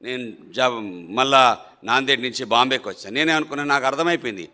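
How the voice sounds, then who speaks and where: Emphatic middle-aged man in an echoey hall. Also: a little fast. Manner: emphatic, swinging between loud outbursts and low asides. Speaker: church member giving his testimony. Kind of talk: personal conversion testimony. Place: prayer hall.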